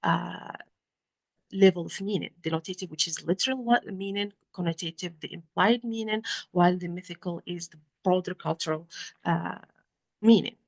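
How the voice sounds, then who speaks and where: A woman with a Moroccan accent presenting research at an academic conference in a halting, often self-correcting way. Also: lowish voice, vocal fry, rough recording. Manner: hesitant, halting delivery with frequent self-corrections.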